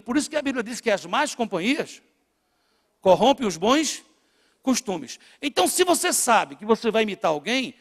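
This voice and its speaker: A middle-aged man from northeastern Brazil with a Northeastern Brazilian accent, preaching to a congregation with rhetorical questions and swings between loud and hushed. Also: high voice. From Natal, northeastern Brazil. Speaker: pastor. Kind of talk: sermon to a congregation. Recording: long hall reverb in a church.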